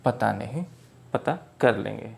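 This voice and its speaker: Slow, patient man teaching math. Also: lowish voice, animated, a little mellow. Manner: slow, repeats "clear?" checks to students. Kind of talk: board lesson in Hindi mixed with English.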